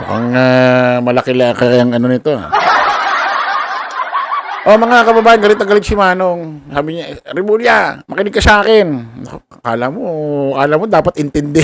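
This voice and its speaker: A man's voice: fairly high pitch, lively intonation, moderate pace, long pauses, heavy background noise. A man giving casual political commentary to viewers, mocking and laughing, full of rhetorical questions. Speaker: commentary vlogger.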